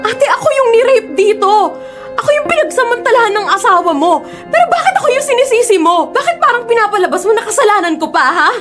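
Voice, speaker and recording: A woman's voice: very high voice, animated, fairly quick, soft background music. Woman playing a distraught, tearful young student. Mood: furious. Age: young adult. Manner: emotional, tearful, indignant. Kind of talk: Tagalog audio drama acting.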